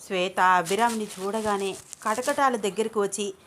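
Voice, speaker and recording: A woman narrating a scripted love story, reading in an even, unhurried way. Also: mid-range voice, a little hiss or hum.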